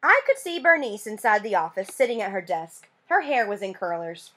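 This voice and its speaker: Woman, read-aloud storytelling, expressive narration, lively pitch, middle voice. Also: moderate pace, slight background noise. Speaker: teacher reading a book aloud.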